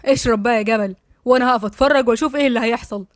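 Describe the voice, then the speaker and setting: A woman's voice: on the high side, very fast, no room sound, studio quality, close to an everyday voice. A woman voicing a scheming young man who orders others around, with an Egyptian accent. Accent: Egyptian Arabic. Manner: bossy, mocking.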